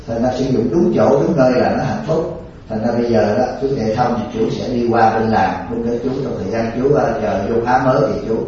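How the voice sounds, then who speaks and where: Male monk, folksy teasing dharma talk, mid-pitched, heard from afar in a very echoey hall on a dull lo-fi recording. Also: warm tone. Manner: folksy and joking, laughs often, checks in with listeners. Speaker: Buddhist monk teacher. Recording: distant, echoey, dull lo-fi with faint hiss.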